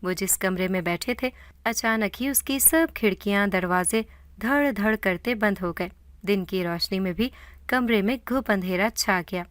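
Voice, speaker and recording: A woman's voice: mid-range voice, a bit bright, no room sound. Give me a woman narrating a spooky story dramatically, dry and close to the mic. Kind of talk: scripted horror story narration.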